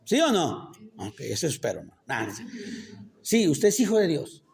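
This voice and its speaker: A man's voice: on the high side, wildly swooping pitch, moderate pace, creaky, darkish tone. A man preaching a casual sermon. He keeps quizzing the congregation with rhetorical questions and makes joking asides. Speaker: pastor. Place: church.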